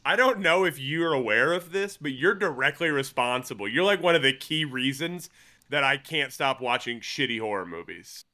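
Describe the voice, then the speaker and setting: A man's voice: medium pitch, lively intonation, moderate pace, sharp tone. A man in his late twenties co-hosting a casual podcast, joking and emphatic, swearing often. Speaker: podcast co-host.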